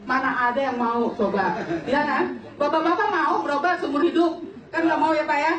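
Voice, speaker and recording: A woman in her late forties tells her own story to a seated audience, her voice pitched high and full of life, often breaking into laughter. She sounds distant from the microphone, and her words echo around a big hall with a crowd close by. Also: normal speed. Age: late 40s. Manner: animated, laughing often, addresses the audience directly. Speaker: customer giving a testimonial. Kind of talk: lively personal testimony to an audience.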